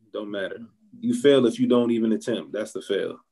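A man's voice: on the low side, fairly quick, breathy edge. A man who owns a barbershop and is from Ohio, talking casually in an interview and giving encouraging advice while calling people "man" a lot. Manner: relaxed, says "man" often, motivational. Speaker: barbershop owner, guest.

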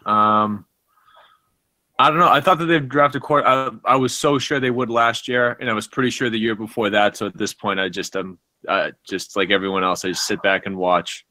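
A man's voice: fairly low pitch, steady tone, moderate pace, pushed and bright, no room sound. A young man on a video call chatting casually about football, musing and hesitant. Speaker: football coach, clinic guest. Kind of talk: casual chat.

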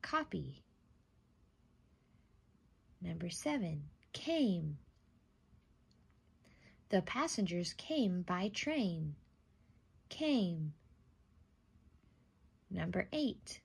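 Female teacher for scripted spelling dictation, careful enunciation, husky and creaky voice. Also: medium pitch, darkish tone. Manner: deliberate enunciation, isolating each word and repeating it. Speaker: teacher giving a spelling test.

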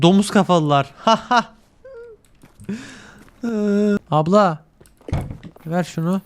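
A young man streaming a game, commenting casually to his chat, excitable and swearing often. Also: medium pitch. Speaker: gaming streamer.

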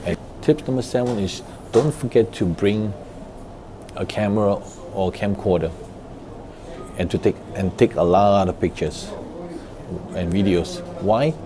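Man, thirties, low voice, hesitant, many fillers, casual vlog tips, lapel mic. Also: noisy background. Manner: halting, many fillers and restarts. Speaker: vlogger giving family travel tips. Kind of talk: casual how-to talk. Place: office room, then parked car.

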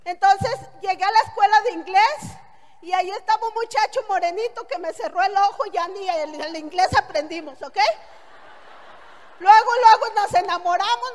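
A middle-aged woman with a Mexican Spanish accent tells her story with blunt, earthy humor. Her voice sits very high. The speech rings with a long hall reverb. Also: moderate pace. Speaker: motivational speaker. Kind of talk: testimonial speech to an audience.

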